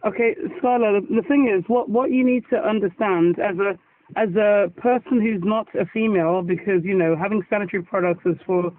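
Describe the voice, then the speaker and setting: A woman's voice: mid-range voice, fairly quick. A woman on an online call, arguing and stammering, her words breaking up and cut off by a lagging connection. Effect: choppy audio with cut-off endings from a lagging connection. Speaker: caller on a live call-in stream. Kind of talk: heated argument. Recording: tinny call line with faint noise.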